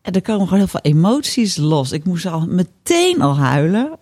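A woman in her fifties co-hosts a podcast and tells a personal story in an easy, conversational way. She is candid and self-mocking, pausing often on fillers and restarting her sentences as she goes. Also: on the low side, big pitch swings, a little mellow. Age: 50s. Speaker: podcast co-host. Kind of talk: casual chat, personal storytelling.

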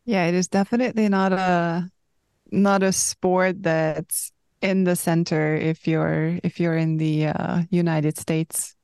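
Female podcast host, slightly low register, close dry recording, casual interviewing style. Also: fairly even intonation, takes it slowly, a little mellow, smooth, no echo.

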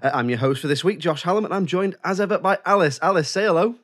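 A man's voice: sits high, fast, a bit bright. Chatty man hosting a podcast. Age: 30s. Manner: chatty, laughs often. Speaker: podcast host. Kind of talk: casual chat.

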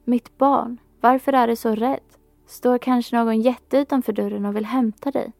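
Stern old storybook king read by a woman, commanding, slightly gravelly, dry sound. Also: on the high side, steady tone, darkish tone, no room sound. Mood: concerned. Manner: firm, commanding.

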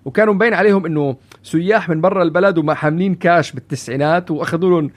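Quick-talking dad, somewhat high voice, lively storyteller on a parenting podcast. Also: male voice. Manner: lively storyteller, drops in English phrases. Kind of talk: casual parenting chat.

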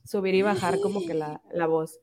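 A woman's voice: on the low side, fairly even intonation, moderate pace, crowd noise. A woman from Monterrey with a northern Mexican accent, co-hosting a casual film podcast and talking hesitantly with many restarts. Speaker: podcast co-host.

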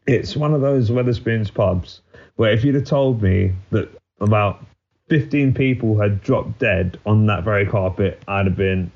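A man's voice: on the low side, darkish tone, highs cut off. A man, a comedian guest on a podcast, telling a story in casual chat, often stopping to correct himself. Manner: rambling, self-correcting storyteller.

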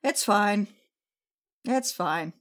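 A woman's voice: animated, extremely slow. A woman voicing a weary, harried female starship captain in a tabletop game, talking in a tired, resigned way. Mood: exasperated. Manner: tired, low-key, resigned. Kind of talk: tabletop role-play character voice.

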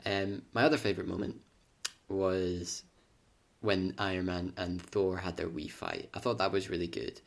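A man's voice: low voice, flat delivery, unhurried. A man co-hosting a podcast, chatting casually, rambling with enthusiasm and dropping in short agreeing replies. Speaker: podcast co-host. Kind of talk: casual chat.

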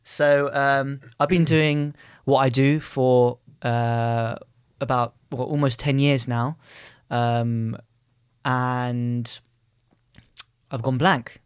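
A British man hosts a relaxed podcast chat in a jokey way. His voice sits at medium pitch, recorded close and dry with no room sound. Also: extremely slow, clear, resonant tone, no room sound. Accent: British English. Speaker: podcast host.

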